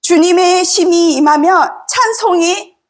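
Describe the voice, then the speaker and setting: A woman preaches a church sermon in a high, light voice. She speaks softly and gently, and she slows down when she quotes comforting words to her listeners. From South Korea. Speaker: Salvation Army officer preaching.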